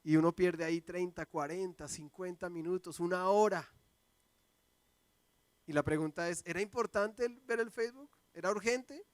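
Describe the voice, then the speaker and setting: A man in his thirties, a pastor, preaching a sermon and telling family stories with lively, acted-out quotes. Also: sits high, moderate pace, no room sound. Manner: lively storytelling, acts out quoted voices. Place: church sanctuary.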